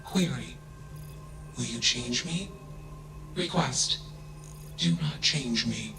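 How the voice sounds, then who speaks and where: A man voicing a self-aware machine intelligence in a video game, speaking flatly and without emotion, opening each clipped statement with a one-word tag. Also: mid-range voice, slow. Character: flat emotionless self-aware AI who insists it is a person. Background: game music.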